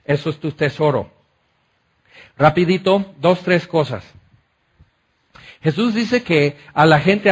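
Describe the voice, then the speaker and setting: A man with a high voice preaches to a congregation in a large tent. He builds his phrases into loud, fervent repetitions, then lets them fall quiet, and keeps asking his listeners questions. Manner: impassioned, swelling to loud repeated exclamations then dropping soft; asks the congregation rhetorical questions. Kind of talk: sermon.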